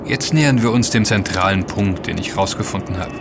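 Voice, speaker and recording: A low male voice with vocal fry runs a little fast against background noise. Acting in a scripted audio drama, he plays an earnest, knowledgeable man who explains and strongly warns his friends.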